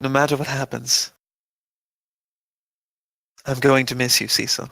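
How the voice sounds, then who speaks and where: A humble, earnest queen-to-be, played by a man in a tabletop role-play, speaking in a formal, gentle way with soft laughs. The voice is gravelly yet bright. The recording is close and dry. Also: medium pitch, level tone, measured pace, no room sound, heavily acted, rough recording. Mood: tender.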